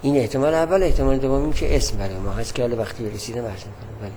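A man teaching a religious lesson, explaining at a measured pace and repeating his key points. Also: medium pitch, fairly even intonation, mellow, a little hiss or hum.

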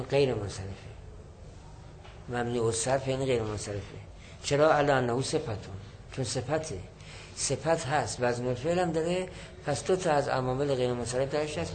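A man's voice: medium pitch, a little mellow, slight background noise, rough recording. A man teaching a lesson, reading a classical text and explaining it line by line, repeating and rephrasing points. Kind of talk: lecturing on a classical Arabic text.

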